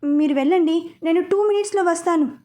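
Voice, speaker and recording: A woman's voice: very high-pitched, fairly quick, warm tone. A woman voicing a flustered, scheming young woman in a storybook reading, full of fretful asides.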